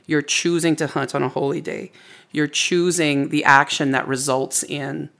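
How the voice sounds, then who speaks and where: A storyteller with a noticeably gravelly, fry-laden voice speaks as an interview guest. The delivery is casual and conversational, explaining lore in a reflective way. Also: mid-range voice, little pitch movement, a little slow, a bit bright.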